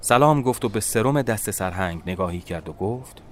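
A man narrating a first-person story in a measured, dramatic storytelling manner. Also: lowish voice, expressive.

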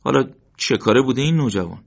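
A man's voice: mid-range voice, expressive, vocal fry, voice pushed up. A man voicing a curious, eager teenage boy who keeps asking questions, in an audiobook. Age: teen. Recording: dull lo-fi recording.

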